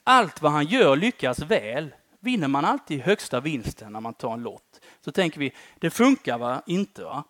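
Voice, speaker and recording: A man preaches a sermon conversationally in a fairly high, very animated voice, barely pausing, and often tags phrases with a questioning "va?". He swings from loud emphasis to quiet endings, in studio-quality audio with no room sound.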